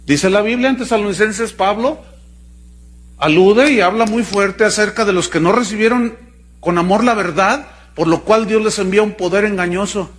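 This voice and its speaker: A man from Mexico with a Jalisco accent, a pastor preaching a sermon in an animated, joking way, full of rhetorical questions. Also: high-pitched, moderate pace. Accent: Mexican Spanish, Jalisco. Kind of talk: sermon with storytelling.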